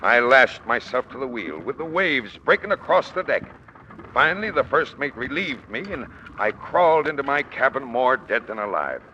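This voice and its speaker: A hardy sea captain with a bright, forceful voice of middling pitch. He acts in vintage radio style on a dull, band-limited recording. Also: very animated, normal speed. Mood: hearty, dramatic. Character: hardy, storytelling old-time sea captain. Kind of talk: 1930s radio acting. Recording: muffled old radio recording, faint noise.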